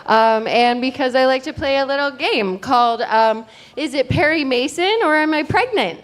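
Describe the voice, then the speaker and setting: A woman's voice: sits high, moderate pace. A middle-aged woman doing stand-up comedy in a chatty, rambling way, talking straight to the crowd.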